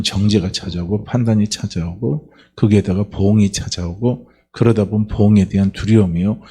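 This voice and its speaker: A man's voice: on the low side, warm tone. A male pastor giving a conversational sermon, often posing questions to the congregation and answering them himself.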